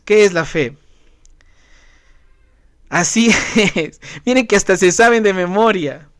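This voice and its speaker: A man's voice: high voice, dry recording, clean studio sound. A man who is a pastor preaching a sermon, emphatic and questioning the congregation directly. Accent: Ecuadorian Spanish.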